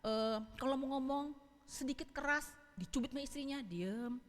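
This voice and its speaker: A woman preacher giving a lively storytelling sermon, speaking directly to her listeners and acting out the people in her stories. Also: sits high, normal speed. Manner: lively, addresses audience directly, acts out quoted voices. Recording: reverberant hall.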